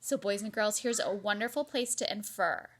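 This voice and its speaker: A woman teacher does an interactive read-aloud for children, explaining expressively and prompting listeners along the way. Her medium-pitched voice is a bit bright and moves at normal speed.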